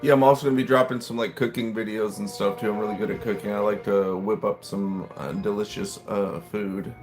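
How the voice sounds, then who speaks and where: Waiting on his meal at a restaurant, an American man in his late thirties chats on a livestream, responding to viewer comments as he rambles. He speaks briskly in a lowish, steady, somewhat dark tone, over faint classical music.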